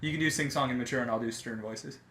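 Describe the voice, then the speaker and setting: A man with a mid-range, sharp-toned voice talks fast while casually reading a visual novel aloud with a friend, reading narration and bickering playfully over parts. The let's-read session is recorded in an echoey room with background music and a slight hiss or hum.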